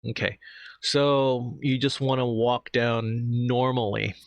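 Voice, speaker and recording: A man's voice: mid-range voice, fairly even intonation, takes it slowly, dry recording, muffled recording. A man narrating as game master, describing scenes in a loose, conversational way with many restarts.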